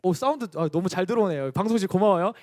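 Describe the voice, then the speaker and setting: A man's voice: high-pitched, rapid-fire, heavy background noise. A young man preaching a youth sermon, telling stories with energy and quizzing the young congregation. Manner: lively storytelling, quizzing the congregation. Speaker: youth pastor.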